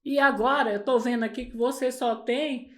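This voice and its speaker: Earnest middle-aged woman, higher voice. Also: fairly even intonation, normal speed, fairly bright tone. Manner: earnest storyteller, acts out quoted dialogue. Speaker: podcast guest. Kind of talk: personal faith testimony in conversation.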